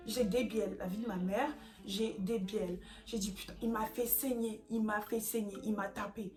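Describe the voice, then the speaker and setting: A young woman from France telling a dramatic storytime in a casual vlog, in lively, slangy street talk. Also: medium pitch, moderate pace. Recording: music playing underneath.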